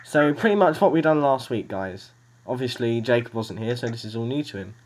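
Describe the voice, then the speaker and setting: This is a playful man hosting a casual podcast over a video call, teasing his guests and laughing easily. His pitch sits in an ordinary middle range. A faint hiss of noise runs under the call. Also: lively intonation, fairly quick. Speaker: podcast host. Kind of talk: casual chat.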